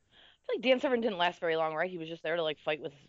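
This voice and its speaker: A woman's voice: lowish voice, lively intonation, fast talker, dry recording. A woman co-hosting a podcast, chatting casually and asking wry questions while watching wrestling. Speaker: podcast co-host. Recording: dull lo-fi podcast audio.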